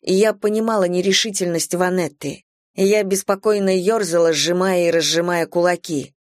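A woman narrating a fantasy novel in the first person, in a measured storytelling manner. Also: fairly low pitch, steady tone, no room sound, studio quality. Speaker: audiobook narrator. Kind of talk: scripted narration.

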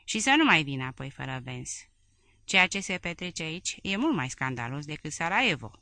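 A woman's voice: deep voice, pushed and bright, no room sound. A woman voicing an aging male head of state who barks orders and rants indignantly. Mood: furious. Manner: barking, indignant.

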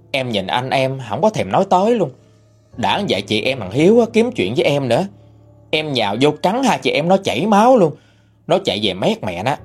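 A man narrating a first-person story in an expressive, indignant manner. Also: fairly high pitch, breathy edge.

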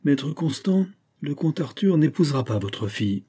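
A stubborn young man, fearless and hopelessly in love, speaks with grave intensity, as a male reader voices him. The voice is dark and soft-edged, with a husky grain, as in a spoken storybook. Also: a little high, big pitch swings, moderate pace, voice pushed up.

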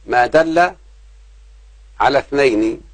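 A male teacher with a lilt works through a grammar lesson, repeating each key point and asking the class questions before he answers them. His voice sits at an ordinary pitch for a man. The recording is close and dry, with no room echo. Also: slow. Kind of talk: grammar lesson explaining a text.

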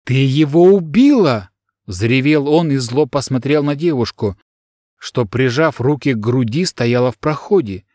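A man's voice: mid-range voice, normal speed, darkish tone, no room sound, clean studio sound. Man narrating an audiobook.

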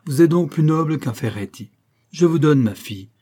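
Male reader playing a stern noble count, storybook, lofty delivery, mellow low timbre. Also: animated, moderate pace, slightly rough. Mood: solemn. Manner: lofty, declamatory. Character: proud old Florentine count, stern noble father.

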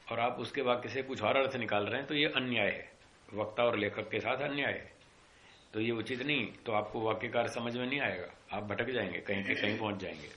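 A middle-aged man with a bright, ringing voice teaches a class on yoga philosophy. He explains slowly, comes back to the same key terms, and acts out the people in his little stories. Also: medium pitch, dull audio. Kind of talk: classroom lecture with anecdotes.

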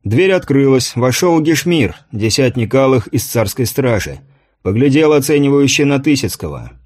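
A man narrating an audiobook in a steady storytelling manner. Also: medium pitch, moderate pace. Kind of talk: scripted narration.

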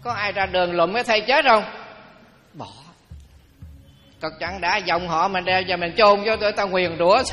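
A man's voice: high voice, measured pace, long pauses, sharp tone. An older male Buddhist monk, giving a dharma talk in a folksy, humorous storytelling way. His voice rings with long hall reverb and faint music behind.

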